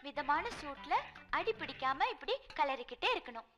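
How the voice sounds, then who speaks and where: A prim tv cooking host, high voice, music underneath. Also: female voice, animated, normal speed. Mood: instructive. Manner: instructive. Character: prim young TV cooking presenter. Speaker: cooking show presenter.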